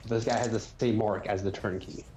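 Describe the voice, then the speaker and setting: A man's voice: lowish voice, steady tone, a little fast, background noise. A man narrating as game master, describing scenes with frequent ums and restarts.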